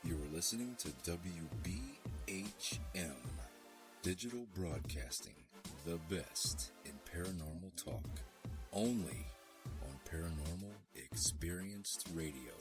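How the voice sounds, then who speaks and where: A deep-voiced man reads a radio station promo in an ominous, late-night manner. His low voice sits over a clear music bed. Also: lively intonation, unhurried.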